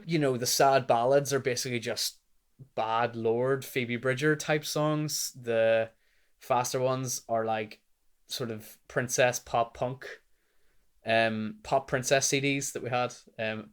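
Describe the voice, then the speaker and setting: A young man with a Northern Irish accent, chatting casually about albums he has listened to, rambling and animated with lots of fillers. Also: medium pitch. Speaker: music reviewer. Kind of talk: casual chat.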